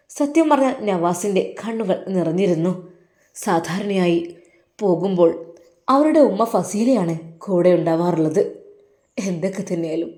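A woman's voice: medium pitch, mellow. Emotive female storyteller. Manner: emotive, dramatic. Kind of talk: narrated religious story. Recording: roomy echo.

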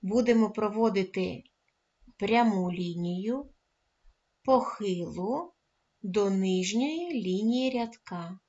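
A woman primary school teacher giving a recorded lesson to first graders, speaking gently and praising the children often. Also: medium pitch, lively intonation, slow, pauses often, dull audio.

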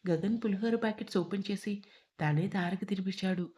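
Mellow-voiced woman telling a story. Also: mid-range voice, brisk. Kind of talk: scripted story narration.

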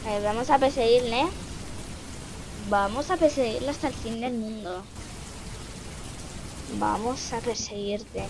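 A high-pitched woman, reacting loudly as she plays a game and talking to the friends she plays with. Her speech is unhurried between the sudden shrieks. A steady hiss like rain runs behind her voice. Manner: excitable, shrieks and laughs while playing. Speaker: gaming streamer. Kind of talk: casual gameplay commentary.

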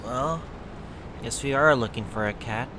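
A man's voice: medium pitch, unhurried, background noise. A man giving casual gameplay commentary, muttering and thinking aloud as he streams. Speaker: game streamer. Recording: loud game audio behind voice.

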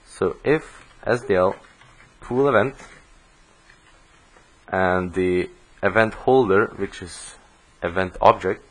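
A man teaching a programming course, explaining code step by step as he types in a screen recording, on low-quality audio. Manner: slow, step-by-step explaining while typing code. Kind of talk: screen-recorded coding tutorial.

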